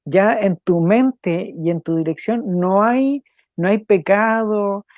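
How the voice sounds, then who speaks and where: A man's voice: high voice, darkish tone, dry recording. A young man hosts a devotional program, talking in an earnest, conversational way and often repeating his points. His voice is recorded close and dry, with no room sound around it. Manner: earnest, repeats phrases, quick asides, laughs now and then. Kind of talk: casual devotional talk and spoken prayer.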